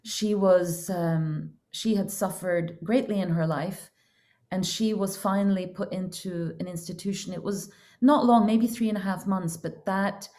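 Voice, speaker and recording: A woman's voice: medium pitch, steady tone, a little slow, a little mellow. A middle-aged woman from Norway, a counselor and coach, talks as a podcast guest in an earnest, reflective way about her inner journey. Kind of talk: casual interview talk.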